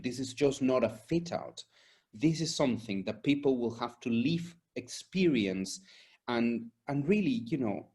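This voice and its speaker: With a warm, medium-pitched voice, this man speaks earnestly in an interview, giving conversational answers. He is an environmental and safety consultant whose first language is Spanish, with roots in Argentina and Spain.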